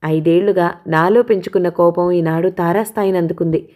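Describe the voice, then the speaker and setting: A woman reading a novel aloud in first person as a narrator, with an expressive, steady delivery. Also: fairly low pitch, fairly quick.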